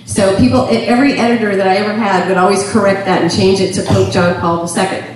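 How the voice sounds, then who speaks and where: A middle-aged woman giving a chatty talk to an audience, laughing often and filling pauses with ums. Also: mid-range voice, fairly even intonation, slight background noise. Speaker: speaker on temperament. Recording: echoey room from far off.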